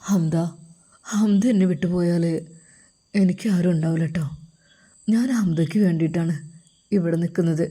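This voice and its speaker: A woman putting on a tender young man in a spoken storybook, pitched lower than her own voice and kept quiet and mellow. He coaxes and reassures in a soft, patient murmur. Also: fairly even intonation, moderate pace, pauses often, breathy edge. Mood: soft coaxing. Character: gentle young male caretaker soothing a girl.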